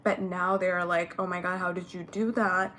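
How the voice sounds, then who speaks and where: A young woman from Ethiopia, a vlogger for whom English is not a first language, chats openly while getting ready, filling her speech with fillers in this casual video. Her voice sits on the low side, a bit bright, with flat delivery at normal speed, and a little hiss or hum can be heard.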